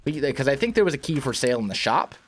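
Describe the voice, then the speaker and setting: In this casual gameplay commentary, a man sounds like he's just woken up, musing aloud as he plays and frequently fixing his words mid-sentence. He speaks quickly at medium pitch with big pitch swings, and there's a little hiss or hum.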